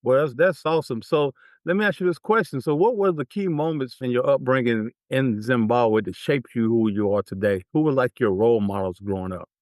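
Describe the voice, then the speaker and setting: A man's voice: medium pitch, a little fast, hardly any pauses, dry recording, clean studio sound. A man hosting his podcast, reading a formal guest introduction and then asking questions in an upbeat, encouraging way. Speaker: podcast host. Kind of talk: interview hosting.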